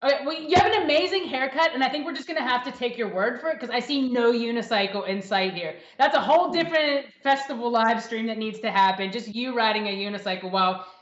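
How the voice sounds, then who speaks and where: A woman hosting a virtual music festival livestream, chatty and playful, over a video call. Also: fairly high pitch. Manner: chatty, playful, fast asides. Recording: roomy, dull lo-fi sound.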